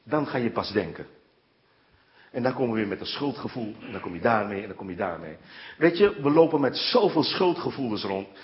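A man preaching a sermon with lively storytelling, often checking in with his listeners. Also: fairly low pitch, a little fast, highs cut off, a little hiss or hum. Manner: animated storytelling with frequent "ja" and "hè".

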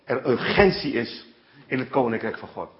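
A man preaching a sermon with lively storytelling, often checking in with his listeners. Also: medium pitch, moderate pace, highs cut off. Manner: animated storytelling with frequent "ja" and "hè".

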